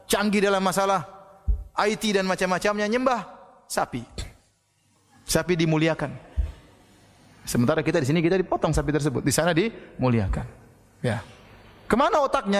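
A man preaching a sermon, telling a humorous story in a lively way, often adding "ya" and raising his voice loudly for effect, before an audience. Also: high voice. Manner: lively storytelling, frequent tag "ya", loud bursts for effect. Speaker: Islamic preacher. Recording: reverberant hall sound.

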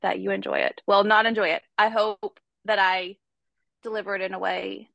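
A woman's medium-pitched voice, creaky and fairly bright, delivers a true-crime story flatly at a moderate pace. She's a podcast host with a cold, chatting casually with plenty of fillers, and the echo-free recording sounds muffled.

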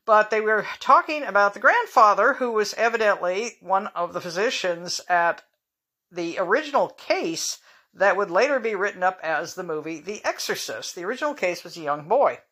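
A woman's voice: medium pitch, lively intonation, normal speed, sharp tone, slightly rough. A woman hosting her own podcast, talking in a rambling, frank monologue full of chatty asides. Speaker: podcast host. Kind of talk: casual monologue.

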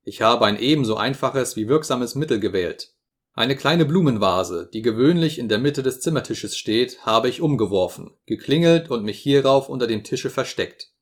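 A man's voice: medium pitch, animated, moderate pace, natural voice. A man voicing a pompous, self-satisfied elderly male professor in a grandiloquent, lecturing manner, read from a storybook.

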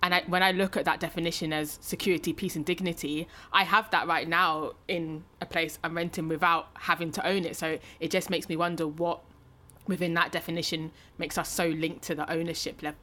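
A woman co-hosting a podcast, reflecting aloud in a thoughtful, measured way. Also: on the low side, little pitch movement, pushed and bright. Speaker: podcast co-host. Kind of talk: reflective discussion.

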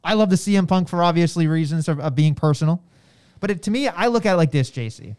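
Man, podcast co-host, fairly high voice, very clean tone, casual, conversational, repeats phrases. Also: expressive, fast talker, a little mellow, smooth. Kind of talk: casual discussion of wrestling.

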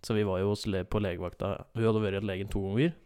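A man's voice: on the low side, fairly even intonation, a little mellow, smooth. A young man telling a long story in casual chat, rambling with many fillers and self-corrections.

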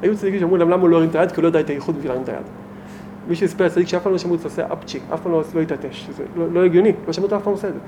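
Teaching a small group, this rabbi speaks in a strikingly high male voice. He is animated and emphatic, constantly posing rhetorical questions to those listening, while faint background noise lingers.

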